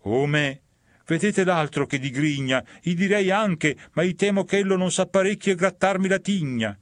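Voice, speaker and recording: A man's voice: a little high, big pitch swings, a little slow, no room sound, pitched above the performer's own voice. A man voicing a crafty, frightened male sinner in a dramatic verse reading, with a raised, eager and tense delivery. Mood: eager, scheming.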